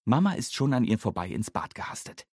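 A man reading a children's story aloud in a lively, expressive way. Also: on the low side, fairly quick, slightly rough, dry recording, clean studio sound. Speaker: narrator.

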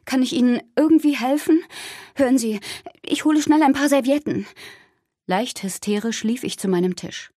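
A woman with a husky voice reading a first-person story aloud in a lively way. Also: lowish voice, no room sound, clean studio sound. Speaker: narrator. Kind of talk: audiobook narration.

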